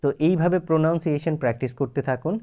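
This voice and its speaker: A man's voice: fairly high pitch, rapid-fire, warm tone, muffled recording. A man teaching English pronunciation in a YouTube lesson, explaining patiently and drawing out his example words.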